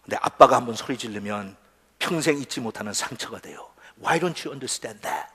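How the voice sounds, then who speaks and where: A male pastor preaching a sermon in a church, animated and shifting between loud outbursts and soft asides. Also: mid-range voice, moderate pace, breathy edge. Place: church sanctuary. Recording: church hall with long reverb.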